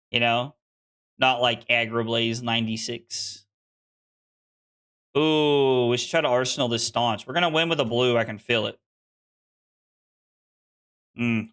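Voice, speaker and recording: This card game streamer, a man in his late twenties, has a bright, mid-range voice. Talking casually with his live-stream viewers, he wanders from point to point, makes fun of himself, and often starts over.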